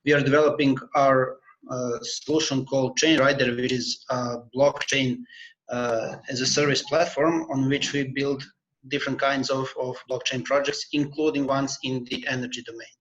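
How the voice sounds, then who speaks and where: Halting man presenting online. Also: medium pitch, level tone, a bit bright, a little hiss or hum. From Serbia. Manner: halting, many filler sounds and restarts. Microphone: video call. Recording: muffled online call audio.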